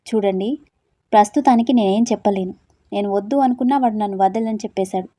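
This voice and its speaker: A woman's voice: medium pitch, fast talker, dark tone, dry recording, lightly acted. A woman voicing a naive, innocent young woman student who asks puzzled questions in an audio story. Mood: defensive. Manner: wide-eyed, puzzled questioning.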